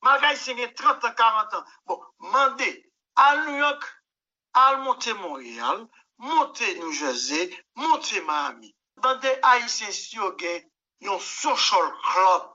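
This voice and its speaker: A man's voice: very high voice, lively intonation, a little slow, pushed and bright, muffled recording. A man with a Haitian Creole accent, a musician guest on a radio interview, talking emphatically, repeating words and telling anecdotes with quoted dialogue. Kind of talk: animated interview answers.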